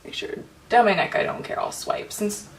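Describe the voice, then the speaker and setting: A woman's voice: medium pitch, huge pitch swings, normal speed, creaky, far from the mic. Chatty young woman, drifting off-mic. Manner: chatty, filler-heavy, says "like" often. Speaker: beauty vlogger. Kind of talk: casual makeup tutorial chat.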